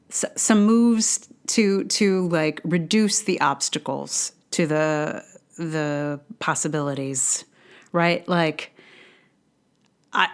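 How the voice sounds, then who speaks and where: A middle-aged woman with a smooth, mid-range voice hosts a podcast on her own, a playwright and actor musing casually. Her solo monologue is reflective, hesitant and rambling, with a self-deprecating sense of humor.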